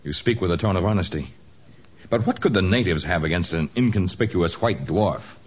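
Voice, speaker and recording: An actor playing a calm, formal jungle hero who speaks in a measured way, in 1940s radio drama style, on a dull old recording. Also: male voice, sits low, slightly rough. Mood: grave.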